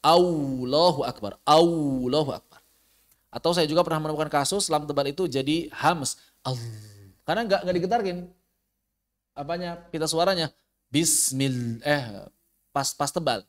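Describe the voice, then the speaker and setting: A man teaching tajwid in an online class, explaining pronunciation patiently and demonstrating it with slow, drawn-out recitation and repeated syllables. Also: fairly high pitch. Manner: patient, repeats sounds and syllables many times. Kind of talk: online Quran recitation lesson.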